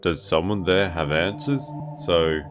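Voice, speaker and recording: A man's voice: sits low, normal speed, gravelly, music in the background. A man hosting a gaming video with casual let's play commentary.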